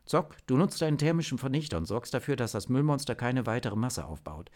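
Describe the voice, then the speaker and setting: Brisk young team-leader woman, put on by a male reader; high, firm and commanding, for a storybook. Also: sing-song, a little mellow. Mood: urgent. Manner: firm, commanding, quick orders.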